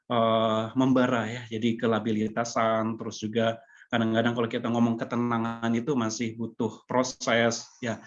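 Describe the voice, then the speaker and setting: Calm man giving advice on a call. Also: mid-range voice. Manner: calm, explaining with many fillers. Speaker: webinar speaker. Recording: dull lo-fi online call audio.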